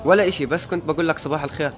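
A man's voice: on the high side, rapid-fire, lightly acted. A man playing a friendly young friend who is puzzled by his mood. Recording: music playing behind voice.

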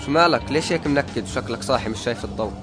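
Man playing a friendly young friend, very fast, music behind. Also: medium pitch, lightly acted.

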